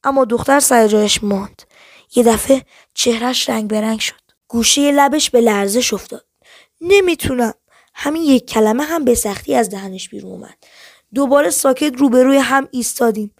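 A woman hosting a book podcast, reading a children's detective story aloud and speaking to listeners in a friendly, expressive way. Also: on the high side, dry recording, clean studio sound. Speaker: podcast host and book reader.

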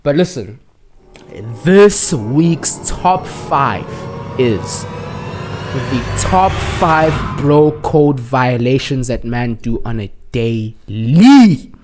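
A man's voice: medium pitch, lively intonation, very slow, music in the background. A young man hosting a casual podcast, bantering in London roadman-style slang and repeating words for emphasis. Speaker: podcast host.

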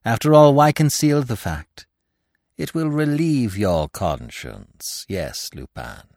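A man puts on a scheming widow thirsting for revenge, gloating over a trapped enemy. Her voice swings wildly between shrill heights and hushed lows, every syllable pressed hard. The sound is close and dry, with no room around it. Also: sing-song, slow pace, no echo, full character voice. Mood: boastful.

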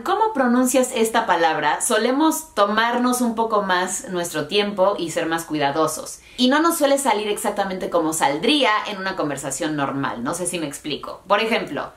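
Woman, English pronunciation lesson, playful, chatty, mid pitch, roomy echo. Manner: playful, chatty, laughs at herself. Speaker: English teacher.

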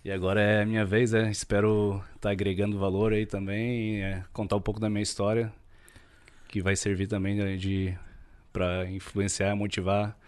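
A Brazilian real estate broker appears as a podcast guest in a casual interview chat. His low voice is flat yet clean in tone, and he talks unhurriedly, searching for words and tossing in frequent tag questions.

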